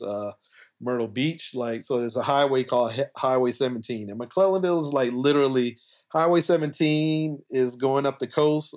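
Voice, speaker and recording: A man from talks as a podcast guest in a medium-pitched voice. His delivery is casual and colloquial, explaining as he goes with plenty of conversational filler. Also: a little mellow. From coastal South Carolina, US. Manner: conversational, colloquial, frequent "like" and "you know". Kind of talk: casual explanatory interview talk.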